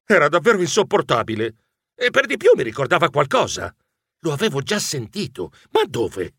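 A man narrating a children's adventure story as a bookish mouse, in his own voice, with animated delivery. His voice is bright and moves around a lot, a little higher than usual. Close, dry studio sound. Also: moderate pace, slightly rough, no echo. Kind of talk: audiobook narration.

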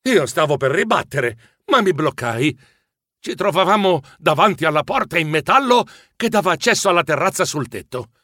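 Lively male audiobook narrator, high and very expressive pitch, soft music behind. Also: moderate pace, dry recording, studio quality. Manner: animated, dramatic.

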